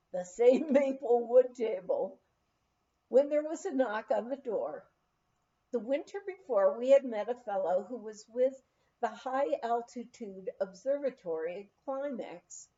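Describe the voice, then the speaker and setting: Reading a memoir aloud as scripted narration, this woman has a warm, fairly high voice. She stumbles over a word now and then, and the audiobook recording is a little muffled.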